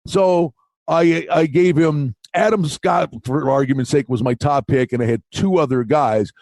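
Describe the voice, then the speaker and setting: A man's voice: a little high, unhurried, darkish tone, no echo. A man co-hosting a golf betting show, telling a story in casual chat, stammering and restarting, acting out the people he quotes.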